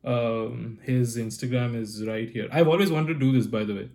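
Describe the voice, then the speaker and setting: Croaky-voiced young Indian man, excitable. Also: medium pitch, moderate pace. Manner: excitable, swearing, laughing often. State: croaky, hoarse voice. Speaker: podcast co-host. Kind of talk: casual chat.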